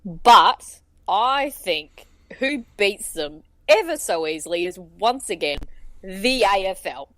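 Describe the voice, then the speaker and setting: Lively woman co-host. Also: mid-range voice, takes it slowly, no echo. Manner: animated and indignant, jokey. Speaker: podcast co-host. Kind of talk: casual chat.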